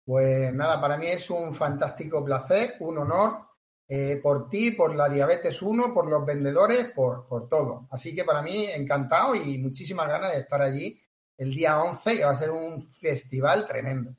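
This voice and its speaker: A sales coach from Catalonia, speaking Spanish with a Murcian-tinged accent, appears as a guest on a podcast interview. His voice is a little high and moves at a normal pace, and the room sounds echoey. He's emphatic and likes to repeat phrases.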